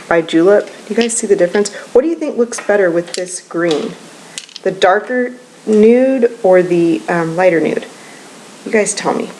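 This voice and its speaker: A young woman gushes about her monthly beauty favorites in a relaxed home vlog, kids close by, rambling with frequent ums. She has a mid-range, darkish voice, and the audio is poor with slight background noise.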